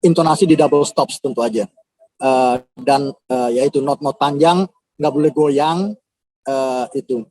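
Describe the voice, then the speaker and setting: A man's voice: mid-range voice, a little slow, mellow. A man, a composer, answering viewers' questions on a live video call in a casual, hesitant way with many filler sounds. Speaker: composer and audition host.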